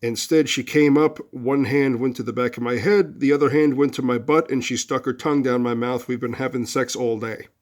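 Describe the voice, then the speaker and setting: A man hosting his own advice video, rambling through a long story with fillers and restarts, and rising loud and high when he acts out angry lines. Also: fairly even intonation, fairly quick, few pauses. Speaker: host of a relationship advice video series. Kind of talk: casual advice monologue with storytelling.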